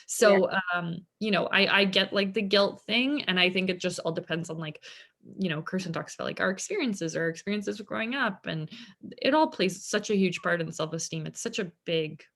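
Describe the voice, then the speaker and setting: Halting young woman on a panel. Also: mid-range voice, gravelly, fairly bright tone. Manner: halting, filler-heavy, quick to laugh. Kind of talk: casual panel chat. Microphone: video call.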